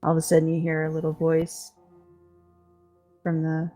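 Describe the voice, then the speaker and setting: Female game master, fairly low, narrating a fantasy tabletop scene over faint music. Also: monotone, normal speed, warm tone.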